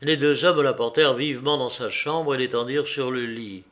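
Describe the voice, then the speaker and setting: A man giving a measured, scripted narration of a novel as an audiobook reader. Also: mid-range voice, a bit bright.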